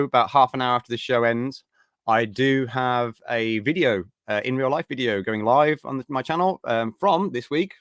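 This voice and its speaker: A man's voice: on the low side, fairly bright tone, dry recording, studio quality. A British man hosting a casual live-stream show from home, upbeat and rambling, with many fillers. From Britain.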